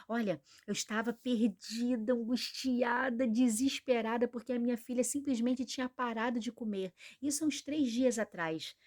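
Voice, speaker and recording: A woman's voice: a little high, moderate pace, few pauses, darkish tone. A young woman with a Brazilian Portuguese accent preaching a sermon in an earnest, conversational way, often checking in with her listeners. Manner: earnest, conversational, frequent tag questions.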